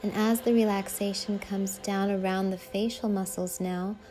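A woman with a soft-edged, mellow voice narrates a guided meditation. Her delivery is lulling and hypnotic, circling back over phrases to relax the listener. Faint music plays behind her. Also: medium pitch. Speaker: podcast host leading a guided meditation.

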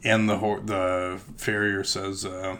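Guy making up a goofy story, slow and rambly, kinda bright sharp tone, faint hiss behind. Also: low-pitched, little pitch movement. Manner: rambling, laughing, full of fillers. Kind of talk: casual improvised storytelling.

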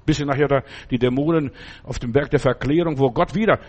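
A man with a mid-range, slightly mellow voice preaches a sermon at a fast clip. He delivers it emphatically, repeating phrases and checking in with "ja?" as he goes.

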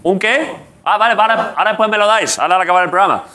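A man with a Spanish accent hosting a late-night comedy show, joking quickly and tagging his lines with "¿eh?". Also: high voice, pushed and bright. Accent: Spanish from Spain. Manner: quick, joking, repeats words and tags lines with "¿eh?". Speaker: talk show host. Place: TV studio with live audience. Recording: studio audience, crowd noise. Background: studio audience.

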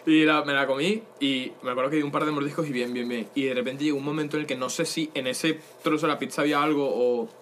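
Young man, podcast co-host, casual chat, fast talker, animated storyteller, faint background hiss. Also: fairly high pitch. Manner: animated storyteller, laughs often, calls people bro.

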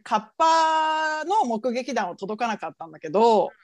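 A woman's voice: a little high, big pitch swings, moderate pace, dry recording. A woman hosting a podcast in casual chat, talking with many fillers and laughing often. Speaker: podcast host.

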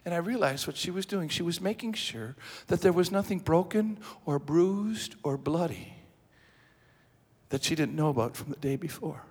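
Male preacher, high voice, bright and husky, dramatic sermon storytelling, long hall reverb. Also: animated, normal speed. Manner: dramatic, swells into shouting.

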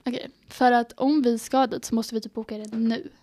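Teenage girl, podcast co-host, excitable, high-pitched, dry close sound. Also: no echo. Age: teens. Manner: excitable storyteller, acts out her own reactions, swears casually. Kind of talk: casual chat.

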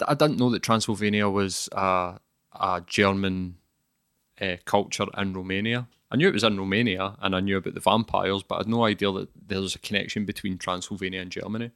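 A man's voice: deep voice, fairly even intonation, normal speed, fairly bright tone, dry recording, studio quality. A man hosting a casual interview, asking questions in a hesitant way with frequent "um"s. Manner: hesitant, many "um" and restarts. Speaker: podcast host.

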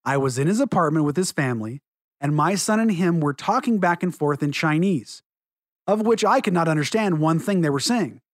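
A middle-aged man giving an earnest religious testimony and teaching, measured and slowing down for emphasis. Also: fairly high pitch, expressive, no echo.

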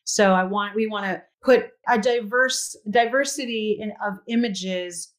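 A woman from the United States, a director and writer, speaking earnestly and thoughtfully as a podcast guest, with pauses and fillers. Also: mid-range voice, low-quality recording. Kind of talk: casual interview chat.

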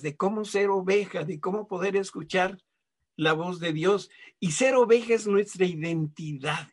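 A male pastor delivers a sermon in a high, husky voice. He talks straight to the listener, folksy and jokey in his preaching.

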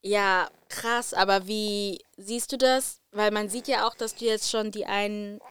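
A woman hosting a casual podcast interview, asking her guest questions in a relaxed, curious way. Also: mid-range voice, unhurried, clean tone. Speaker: podcast host.

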